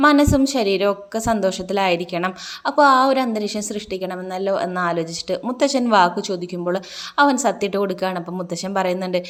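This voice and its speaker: Woman recap narrator: rapid-fire, mid-range voice, casually retells a serial episode with quoted dialogue. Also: mid-range voice. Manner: rapid storytelling that quotes characters' lines.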